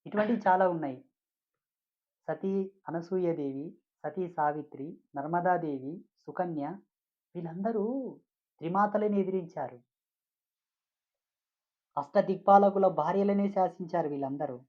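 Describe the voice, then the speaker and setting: A man's voice: high-pitched, measured pace, pauses often, highs cut off. A man preaching a devotional sermon as a spiritual teacher, emphatic and repetitive, with frequent rhetorical questions.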